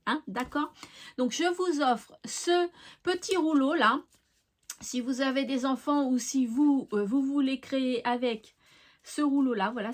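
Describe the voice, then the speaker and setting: A woman hosting a craft channel, chatting fondly to viewers as she presents giveaway prizes, with lots of fillers along the way. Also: sits high.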